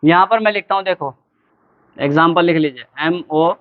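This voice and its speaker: A male teacher with a high, clear, smooth voice walks students through a grammar lesson. He quizzes them, answers his own questions, and spells words out slowly letter by letter. The recording is thin and tinny, like a phone line. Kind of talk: classroom lesson.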